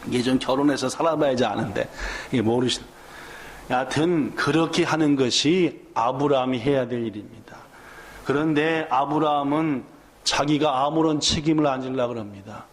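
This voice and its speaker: In a reverberant church sanctuary, a male pastor preaches a sermon at normal speed in a medium-pitched voice. He fires questions at the congregation and acts out the lines of the story.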